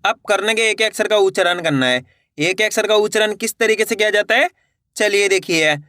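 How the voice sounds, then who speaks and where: Bright-voiced Hindi teacher, encouraging tone. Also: male voice, high voice, fairly quick, dry recording, studio quality. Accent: Hindi (Indian). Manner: stretches each word syllable by syllable, then repeats it; encouraging, addresses viewers as friends. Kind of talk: slow word-by-word reading lesson.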